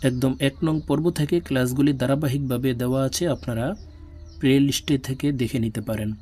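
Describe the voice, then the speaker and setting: A man teaching Quran letter reading in a recorded lesson, spelling syllables out slowly and repeating them for practice. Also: mid-range voice, fairly even intonation, breathy edge, faint music behind. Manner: drawn-out slow spelling drills, louder on recited syllables.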